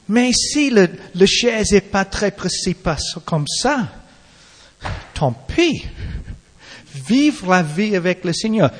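A man with an English accent preaching a sermon in halting French, restarting his words often. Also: sits high, breathy edge, big-room sound.

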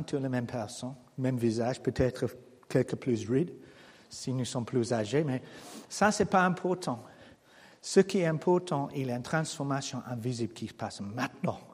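A man preaching a sermon in French as a non-native speaker with a foreign accent, speaking slowly and haltingly with rhetorical questions. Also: mid-range voice, breathy edge, long reverb tail. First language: not French. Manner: slow, halting delivery with restarts and rhetorical questions. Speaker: pastor. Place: church hall.

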